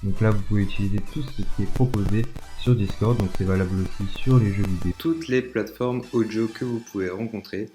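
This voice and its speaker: A man presenting a step-by-step software tutorial, with hesitant, repetitive phrasing. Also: on the low side, fairly even intonation, fairly quick, few pauses, low-quality recording. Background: background music.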